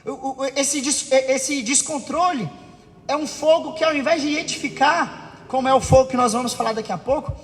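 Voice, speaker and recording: A man's voice: very high-pitched, normal speed. A man preaching a sermon in church, acting out family arguments and asking the congregation for agreement. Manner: acts out family quarrels with raised voice. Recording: long reverb of a church hall.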